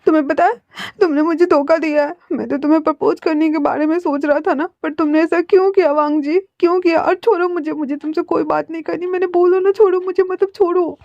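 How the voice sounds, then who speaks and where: A woman's voice: high voice, a little fast, warm tone, no echo, pitched above the performer's own voice. A woman voicing a heartbroken young man who cries and pleads as he protests in a fan fiction story. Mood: tearful, jealous. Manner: pleading, repetitive tearful protests. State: crying. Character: young man, heartbroken jealous lover, sobbing. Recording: dull lo-fi audio.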